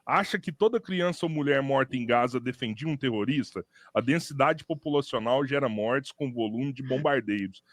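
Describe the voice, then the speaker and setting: A man's voice: medium pitch, expressive, normal speed, few pauses, no echo. A man with a Brazilian Portuguese accent, a podcast host reading out viewer superchat messages in a matter-of-fact way.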